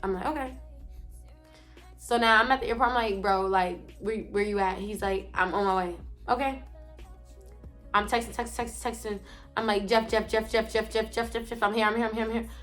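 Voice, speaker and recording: A woman's voice: a little high, brisk, soft background music. Slangy young woman telling a storytime. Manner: animated, slangy, acts out her own quotes. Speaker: vlogger. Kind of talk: casual storytime. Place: on her bed at home.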